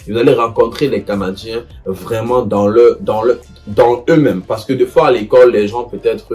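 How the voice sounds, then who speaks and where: Brief: young man, lowish voice, halting advice vlog, faint guitar underneath. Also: dark tone. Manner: hesitant, many fillers and restarts. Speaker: vlogger giving advice to students. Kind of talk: casual advice talk.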